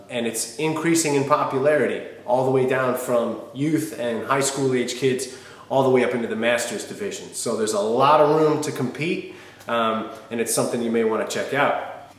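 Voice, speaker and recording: A man's voice: mid-range voice, normal speed. A man, talking to camera in a direct, colloquial, instructional way as a fitness host. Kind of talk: talking to camera, answering viewer questions. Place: small wood-panelled home gym, indoors. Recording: very echoey room.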